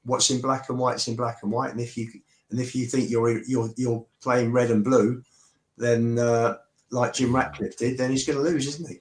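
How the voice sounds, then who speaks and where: A man's voice: mid-range voice, flat delivery, moderate pace. A man giving his opinions casually in conversation about football. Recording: roomy, echoey sound.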